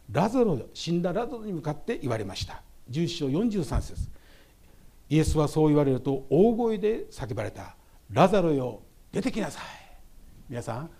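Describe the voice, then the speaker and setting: A man's voice: a little high, dark tone. Emphatic man preaching a sermon. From Japan. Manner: emphatic preaching, addresses the congregation often. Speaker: pastor. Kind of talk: memorial service sermon.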